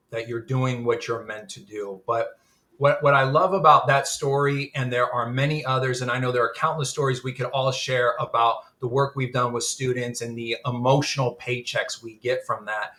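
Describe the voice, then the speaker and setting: Bright, earnest storytelling man. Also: medium pitch, moderate pace. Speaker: guest, admissions executive. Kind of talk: casual webinar interview.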